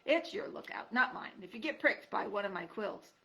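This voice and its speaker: Woman reader voicing a bellowing, scornful old male porcupine; gritty, bright, insulting. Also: mid-range voice, animated, normal speed, gravelly. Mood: gruff scornful.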